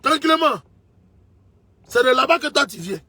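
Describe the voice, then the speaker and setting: With big swings in a very high voice, an Ivorian political commentator speaks at a normal pace in a bright, forceful tone, with no echo. His monologue is impassioned and emphatic, his points repeated to the listener, whom he addresses as brother.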